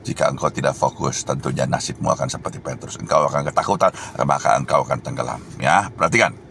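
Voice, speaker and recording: Very deep-voiced male preacher, emphatic. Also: fast talker, vocal fry, fairly bright tone, a little hiss or hum. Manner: tags phrases with "ya", emphatic exhortations. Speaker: evangelist preacher. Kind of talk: sermon.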